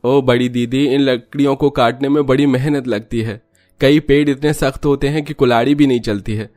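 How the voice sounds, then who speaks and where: A man's voice: fairly high pitch, normal speed, a little mellow, no room sound, clean studio sound, faint music behind, lightly acted. A man voicing a poor, weary woodcutter who is a family father and speaks in a humble, pleading tone, in storybook acting.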